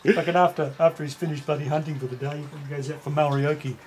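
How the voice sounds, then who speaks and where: A man's voice: a little high, fairly even intonation, fast talker, darkish tone. A man chatting casually, with crude, matey, slangy joking. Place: indoors in a cluttered home dining room. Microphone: handheld camera microphone.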